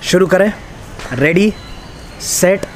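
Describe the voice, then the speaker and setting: A man's voice: high-pitched, slow. A man in his twenties presenting a casual travel vlog and explaining facts and figures with upbeat energy, filmed on a phone at arm's length on a railway platform and in a train coach. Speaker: travel vlogger. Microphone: phone camera at arm's length. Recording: noisy station phone recording. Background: station and train noise.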